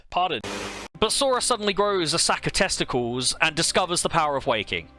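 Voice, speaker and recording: A man's voice: fairly high pitch, big pitch swings, a little fast, bright, forceful tone, faint music behind. A man hosting a comedic game lore commentary, rambling and crude, often stumbling over names. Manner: rambling, jokey, crude humor. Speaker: host.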